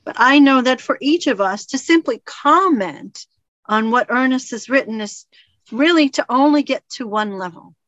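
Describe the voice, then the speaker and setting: A woman's voice: high-pitched, animated, normal speed, fairly bright tone, no echo. A woman minister giving a reflective sermon in an earnest storytelling manner. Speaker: spiritual minister and teacher. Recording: dull lo-fi recording.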